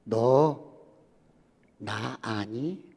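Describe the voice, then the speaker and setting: A preacher voicing God, slow and low. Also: male voice, darkish tone, slightly rough, big-room sound, exaggerated voice. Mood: solemn. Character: God, a solemn, searching male deity.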